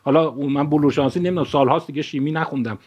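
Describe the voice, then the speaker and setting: A man in his fifties giving a public science talk, an animated storyteller who mixes ideas with a personal anecdote and often corrects himself. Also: fairly high pitch, breathy edge, highs cut off. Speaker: lecturer.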